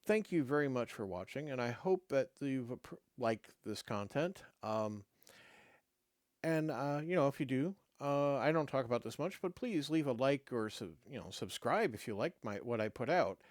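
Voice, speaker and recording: This is a middle-aged host of his own show, animated and medium in pitch, reading from a game rulebook with casual asides. His voice keeps going dry and fading as his throat parches and he loses it. He's halting, with many fillers and restarts between the read sections, and there's no room sound.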